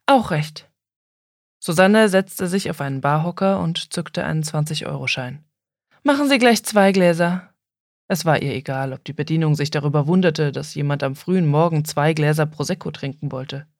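A woman narrating an audiobook in a calm, even storytelling manner, recorded dry and close. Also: low voice, fairly quick, vocal fry, hardly any pauses, dry recording. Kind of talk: scripted narration.

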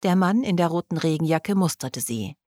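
Woman narrating a story in a low voice. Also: lively intonation, moderate pace, warm tone, dry recording, studio quality. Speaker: audiobook narrator. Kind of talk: scripted narration.

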